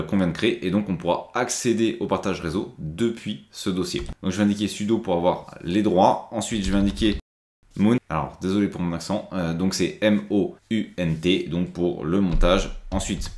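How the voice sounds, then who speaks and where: A man's voice: on the low side, roomy sound. A man presenting a screen-recorded IT tutorial, explaining step by step with frequent hesitations.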